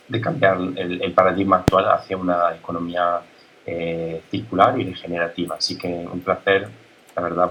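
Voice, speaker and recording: An Italian man, a native Italian speaker, giving a conference talk as a guest speaker, halting, with many fillers and restarts. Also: deep voice, fairly bright tone, a little hiss or hum, rough recording. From Italy.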